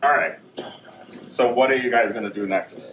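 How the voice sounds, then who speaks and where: A medium-pitched man speaks at a moderate pace as game master, narrating a tabletop horror game and describing scenes in a loose, meandering way. He's in a convention gaming room, and the recording is echoey, distant, and noisy.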